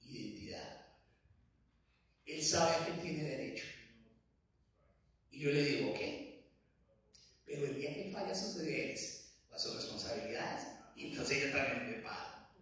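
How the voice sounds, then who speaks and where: A man's voice: mid-range voice, lively intonation, unhurried, long pauses, a bit bright, recorded from a distance. A middle-aged man preaching as a pastor in a church hall, with emphatic, building repeated phrases. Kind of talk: sermon. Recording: very echoey hall from afar.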